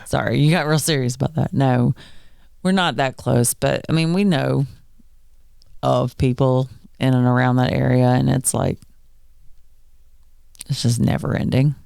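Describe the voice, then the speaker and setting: Lively laughing woman podcaster, smooth creak. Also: very deep voice, measured pace, long pauses, dry recording, clean studio sound. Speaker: podcast co-host. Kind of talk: casual podcast chat.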